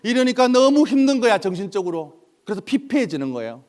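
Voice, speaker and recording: High, lively man giving a comic talk. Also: a little fast. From South Korea. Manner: animated storytelling, acting out dialogue in dialect and character voices. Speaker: motivational humor lecturer. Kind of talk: comic lecture to a live audience.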